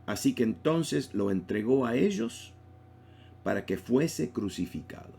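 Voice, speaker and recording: A man's voice: medium pitch, sing-song, measured pace, gravelly, dark tone. A man teaching a Bible lesson in an informal way, with restarts and rhetorical questions.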